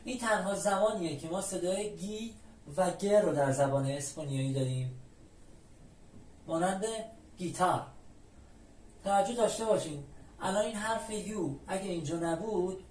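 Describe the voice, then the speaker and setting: A patient, methodical teacher from Iran walks through the alphabet and repeats every example word slowly. The mic sits some distance away, so the voice carries a roomy echo. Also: medium pitch, a little mellow, slight background noise. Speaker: language teacher. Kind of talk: explaining the Spanish alphabet step by step.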